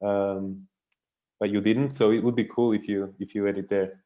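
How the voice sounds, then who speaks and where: A soft-spoken man leading a video call meeting, hesitant and full of fillers. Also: lowish voice, level tone, moderate pace, lo-fi sound. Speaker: meeting facilitator.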